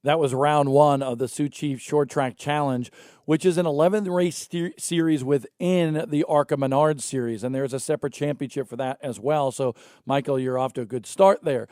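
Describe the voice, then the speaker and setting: Male morning show host, chatty and teasing, slightly high voice with a dry studio sound. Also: moderate pace, mellow, no room sound. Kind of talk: casual morning show chat.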